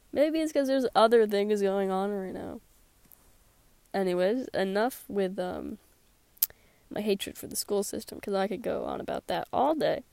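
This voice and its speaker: A teenage podcast host with a sore throat chats sarcastically from a small closet, rambling and laughing often. Her medium-pitched voice is creaky yet warm, clear and resonant, with lively intonation, a measured pace and long pauses, and there's no room sound.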